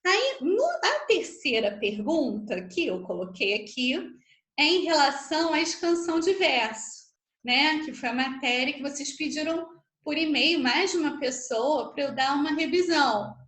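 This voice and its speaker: Speaking at a normal speed in a high, animated, fairly bright voice, a Brazilian woman with a Brazilian Portuguese accent leads an online literature class. She explains things patiently, counts syllables out loud, and checks in with tag questions. The room has an echo.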